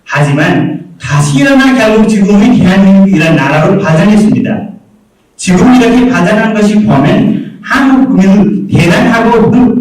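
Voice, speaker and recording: A man's voice: sits high, darkish tone. A man from Nepal with a Nepali accent delivers a rehearsed public speech in an earnest, emphatic way, as a contestant. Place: indoor event hall. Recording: echoey hall, distant mic, noisy with clicks.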